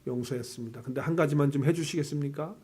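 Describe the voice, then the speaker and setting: A male preacher voicing a gentle, forgiving pastor from a story, who speaks quietly and calmly. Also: fairly high pitch, fast talker, slightly rough.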